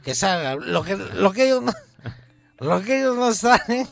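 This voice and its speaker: A man's voice: high voice, lively intonation, normal speed, gravelly. A man with a Peruvian Spanish accent playing a rambling, stammering older quack doctor on a radio comedy bit. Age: over 60. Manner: rambling, stammering, repeats words. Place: radio studio.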